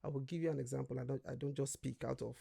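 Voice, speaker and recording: A man's voice: medium pitch, flat delivery, rapid-fire, gravelly, dark tone, breathy edge. A man from Nigeria, a guest in casual conversation, telling stories animatedly, acting out quoted voices and swearing freely.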